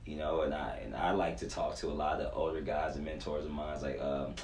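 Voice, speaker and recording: Speaking quickly with vocal fry, this man in his twenties has an extremely low, darkish voice and fairly even intonation. He's a youth sports performance coach being interviewed, casual and earnest, full of slang and "you know." Faint background noise fills an echoey room.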